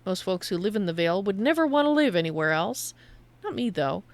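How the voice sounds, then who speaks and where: A woman's voice: medium pitch, very animated, a little fast. Woman voicing a sly, salesy shady trader. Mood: boastful, salesy. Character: shady, sly, boastful cave trader and outlaw. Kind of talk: voiced reading of video game dialogue.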